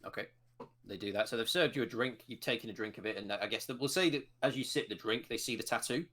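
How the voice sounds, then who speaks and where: A man's voice: fairly low pitch, fast, a bit bright. A man narrating as game master of a tabletop role-playing game, describing scenes with frequent restarts.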